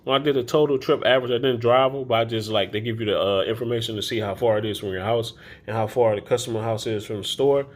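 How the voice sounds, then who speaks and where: Filmed on a phone, this grocery delivery shopper vlogger chats to camera quickly and loosely, rambling with many fillers. His mid-range voice has fairly even intonation.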